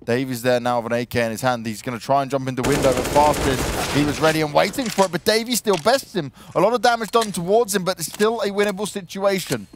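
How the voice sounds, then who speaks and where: Higher-pitched male esports caster, play-by-play. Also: fast talker, few pauses. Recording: gunfire and game noise behind voice. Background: video game gunfire and clicks.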